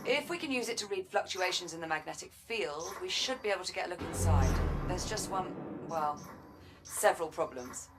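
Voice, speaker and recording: A woman's voice: lowish voice, expressive, normal speed. Capable, wry female engineer for a sci-fi game, conversational technical delivery, music underneath. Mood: focused, technical. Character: capable, wry woman engineer guiding a partner remotely.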